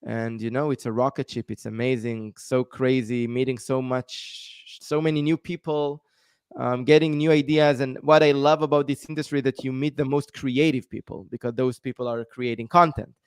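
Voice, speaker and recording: Guy in his 30s on a video call, earnest, lots of ums, smooth dry voice. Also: medium pitch, fairly even intonation, moderate pace, dry recording. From Israel. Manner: earnest, explains with examples, many ums. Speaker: guest, tech founder. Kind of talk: live-stream interview.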